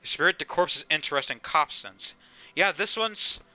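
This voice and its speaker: A man's voice: on the high side, expressive, normal speed, pushed and bright. A young man streaming a game live, chatting casually and rambling, with the odd swear. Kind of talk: casual live gameplay commentary.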